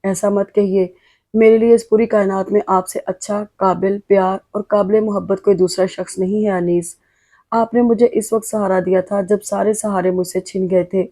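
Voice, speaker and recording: A woman's voice: medium pitch, little pitch movement, mellow, natural voice. A woman reading the lines of a loving young wife in an earnest, emotional way.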